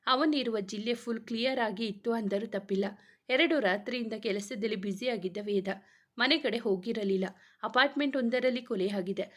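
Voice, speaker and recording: A woman narrating a romantic serial story in a steady, even reading voice. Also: fairly high pitch.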